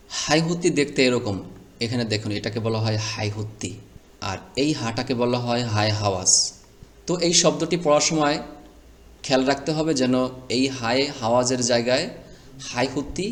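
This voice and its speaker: A man's voice: mid-range voice, normal speed, pauses often. A man teaching Quran reading over a screen recording, explaining rules patiently step by step and sounding out letters one at a time.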